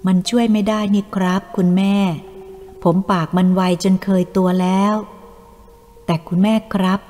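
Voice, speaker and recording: A woman's voice: mid-range voice, flat delivery, moderate pace, darkish tone, lightly acted. A woman voicing a grown man who coaxes and pleads with his mother, in an echoey room with faint music behind. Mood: pleading. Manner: pleading, coaxing. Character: grown son, playful and coaxing with his mother.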